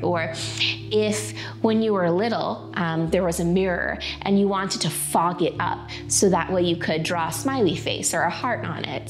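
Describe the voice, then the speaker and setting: A woman teaching a prenatal yoga breathing lesson in an informal, gently guiding way. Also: lowish voice. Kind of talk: guided breathing lesson, conversational instruction.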